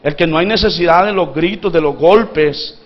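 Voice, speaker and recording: This sermon comes from a pastor from Honduras whose voice sits fairly high and moves at normal speed, captured in dull audio. He draws responses from the congregation and voices the pleading characters of the parable.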